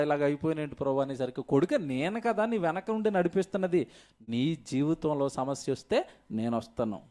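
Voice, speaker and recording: At a church service, a male pastor delivers a forceful sermon in a high-sitting voice, hurling rhetorical questions at the congregation.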